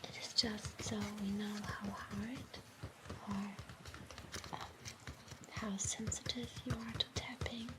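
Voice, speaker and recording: A woman's voice: a little high, fairly even intonation, takes it slowly, long pauses. A woman with a German accent doing a whispered role-play as an office clerk, hesitant, playful and reassuring, close on a binaural microphone. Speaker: ASMR performer playing an office clerk.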